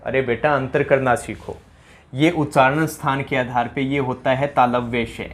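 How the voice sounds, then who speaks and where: A man's voice: mid-range voice, steady tone, measured pace. A male teacher giving a pronunciation lesson, drilling students with repeated questions. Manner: drills with repeated questions, mimics rural dialect speakers for laughs.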